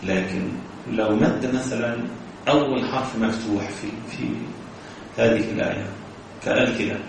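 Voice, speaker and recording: A man with an Egyptian Arabic accent teaching Quran recitation, explaining through rhetorical questions and slow chanted examples. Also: medium pitch. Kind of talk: tajweed lesson. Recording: very echoey room, voice far from mic, faint background noise.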